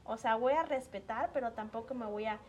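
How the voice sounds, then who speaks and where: A woman with a Mexican Spanish accent chats casually as a podcast guest. Her voice sits a little high, and she tells her stories with energy, acting out what each person said. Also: fairly quick. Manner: animated storytelling, acts out quoted dialogue.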